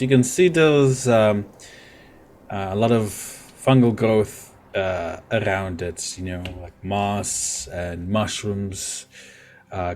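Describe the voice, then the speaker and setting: A man improvising descriptive narration as game master of a tabletop game, speaking haltingly. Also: fairly low pitch, a little mellow.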